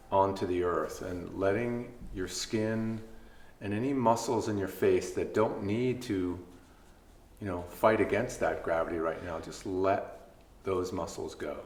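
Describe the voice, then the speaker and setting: As a mindfulness instructor, a man with a low-pitched voice guides a body scan meditation, speaking gently and leaving unhurried pauses between phrases. The room sounds echoey, with faint background noise.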